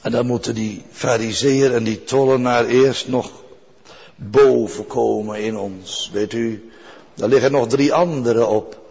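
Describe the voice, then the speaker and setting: Older guy preaching, husky, says things twice, long echo in a big church. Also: medium pitch, steady tone, a little slow, a little mellow. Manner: earnest, repeats key phrases. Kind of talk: sermon. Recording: dull recording with long church reverb.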